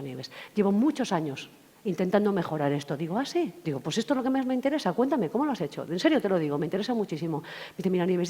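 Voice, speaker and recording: A woman's voice: on the low side, darkish tone. A woman giving a talk, telling stories and acting out the conversations in them. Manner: storytelling, acting out dialogue. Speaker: communication trainer. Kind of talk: lively talk to an audience. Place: conference hall. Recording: reverberant hall.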